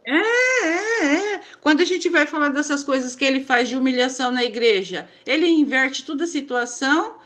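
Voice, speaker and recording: A woman's voice: high-pitched, lively intonation, moderate pace, few pauses, fairly bright tone. A woman with a Brazilian Portuguese accent, a therapy group participant pouring out a personal account in a rambling, confiding way full of repeated fillers.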